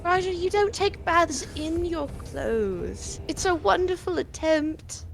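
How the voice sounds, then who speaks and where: A woman in a tabletop game, talking in character with bubbly, excited outbursts. Her voice sits high, and she takes her time over the words. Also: takes it slowly, vocal fry, faint music behind. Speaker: player.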